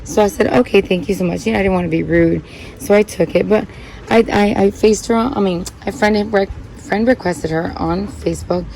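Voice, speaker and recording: A woman with a warm, mid-range voice and vocal fry speaks briskly as she repots cacti for her plant channel, rambling in a chatty way with lots of fillers. Born in Puerto Rico and raised in Connecticut, she is heard on poor audio with a little hiss or hum.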